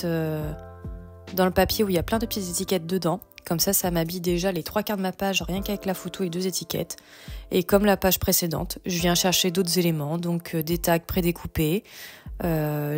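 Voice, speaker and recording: A woman's voice: mid-range voice, a little mellow. A woman hosting a casual, chatty step-by-step craft tutorial, thinking aloud as she goes. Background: background music.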